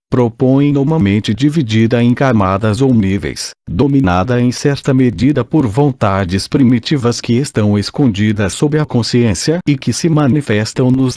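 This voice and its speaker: A man's voice: mid-range voice, a little mellow, no room sound. Synthesized male narrator, dry sound. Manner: formal, measured read-aloud delivery. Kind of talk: scripted educational narration.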